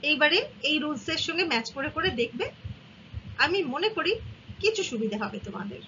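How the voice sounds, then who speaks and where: Speaking a little fast, a woman with a high, pushed, bright voice is very animated as she teaches English grammar. She patiently covers spelling rules, repeating examples and spelling each word letter by letter; the recording is slightly dull with a faint hiss.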